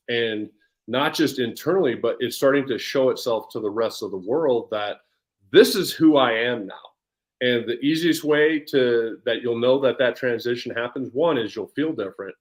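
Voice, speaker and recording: Upbeat coach, a man in his forties. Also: medium pitch. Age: 40s. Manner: energetic and upbeat, with frequent restarts and repeated words. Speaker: personal development coach. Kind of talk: casual podcast interview chat.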